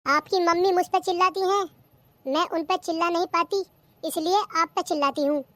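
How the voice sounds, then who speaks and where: A performer doing a cheeky young daughter-in-law, high and squeaky. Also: female voice, moderate pace, fairly bright tone, no echo. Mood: sulky. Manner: cheeky, answers back, sulky grumbling. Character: lazy, cheeky young daughter-in-law who talks back. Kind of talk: cartoon comedy skit.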